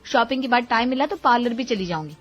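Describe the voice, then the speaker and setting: A woman's voice: a little high, expressive, fast, lo-fi sound, faint music behind. A woman voicing a bossy, dramatic young wife in a cartoon, sassy and demanding. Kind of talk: cartoon voice acting.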